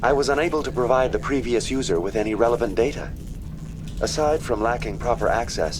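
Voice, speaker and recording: A man voicing a calm, polite computer terminal AI in a video game, speaking in a formal, bureaucratic way. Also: on the low side, lightly acted. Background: game music.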